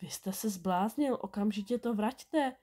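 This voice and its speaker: A woman's voice: medium pitch, dark tone, lightly acted. A woman reading a storybook aloud and voicing an earnest, well-meaning schoolboy. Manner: earnest and pleading.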